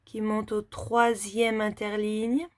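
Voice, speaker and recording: A woman gives a handwriting lesson for young children at an unhurried pace. She talks through every stroke as she writes, in a plain mid-range voice. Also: medium pitch, little pitch movement. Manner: slow, step-by-step demonstration while writing. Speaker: teacher.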